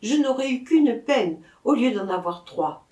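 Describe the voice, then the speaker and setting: A woman's voice: a little high, expressive, unhurried, warm tone, voice pushed up. A woman reader voicing a timid, lovesick young abbé who speaks humbly and mournfully, in an echoey room. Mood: sorrowful.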